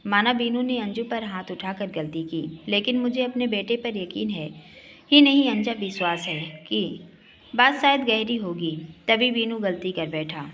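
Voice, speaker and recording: A woman voicing an older father who speaks gravely and calmly. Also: mid-range voice, measured pace, slight background noise. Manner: grave, calming.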